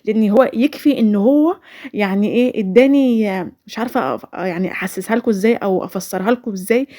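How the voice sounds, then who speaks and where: A woman's voice: mid-range voice, very fast, dark tone. A woman in her twenties with an Egyptian Arabic accent, telling a personal story in a chatty, rambling voice-over full of restarts. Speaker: vlogger.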